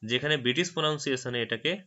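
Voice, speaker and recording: A man whose first language is Bengali talks through an English vocabulary lesson over a screen recording, patient and methodical. He often slows right down to repeat a word. His voice is bright and forward, and the recording sounds a little dull and lo-fi. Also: medium pitch. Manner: explains patiently, repeats words slowly after a dictionary audio. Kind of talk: screen-recorded tutorial narration.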